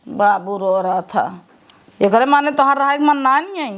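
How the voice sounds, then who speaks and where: A woman playing a sharp-tongued rustic mother, high voice. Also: quick pace, dry recording. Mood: teasing. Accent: Awadhi. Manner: scolding, sarcastic. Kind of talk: comedy sketch.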